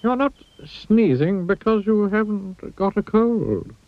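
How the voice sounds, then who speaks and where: A man voicing a wise old male wizard who speaks slowly, hesitates and brushes things off. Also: sits high, sing-song, no room sound, pitched above the performer's own voice, exaggerated voice. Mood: matter-of-fact. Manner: slow, hesitant and dismissive. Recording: dull lo-fi old TV soundtrack.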